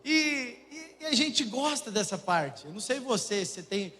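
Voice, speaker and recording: A young man with a Brazilian Portuguese accent, preaching a humorous sermon and telling jokey, animated stories to a congregation in a church. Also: extremely high pitch, moderate pace, soft background music. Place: church auditorium. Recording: long church hall reverb, faint noise.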